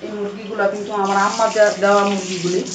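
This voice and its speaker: A woman from Bangladesh with a hoarse voice from a cold, chatting casually as she explains her cooking steps in a home kitchen. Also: medium pitch, little pitch movement, fast talker, crowd noise. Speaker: cooking vlogger. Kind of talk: casual cooking vlog narration. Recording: echoey kitchen with frying and rain noise.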